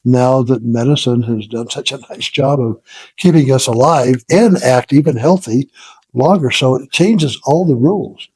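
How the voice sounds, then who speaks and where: A retired business founder in his seventies, appearing as an interview guest, tells stories in a casual, reflective way. His voice is medium pitch, slightly husky and darkish, and he comes across as halting and self-deprecating, often pausing to search for a word. The sound is dry and close, without echo.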